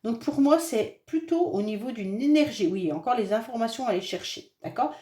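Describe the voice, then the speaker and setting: This monthly astrology card reading comes from a French-accented tarot reader with a head cold, chatty and reassuring amid many fillers and hesitations. Her voice sits on the high side, brisk and animated with a dark tone, recorded in an echoey room.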